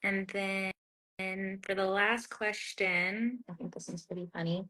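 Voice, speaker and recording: Bright upbeat woman host. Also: mid-range voice, flat delivery, slow pace, low-quality recording. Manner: reads viewer questions, upbeat. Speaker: interviewer host. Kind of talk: live interview hosting.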